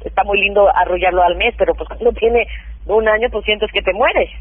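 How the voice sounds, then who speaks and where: A woman's voice: mid-range voice, fairly quick, no room sound. A woman who is a parenting expert gives practical advice in a radio interview and explains things step by step with examples. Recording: phone-like narrow band, dry.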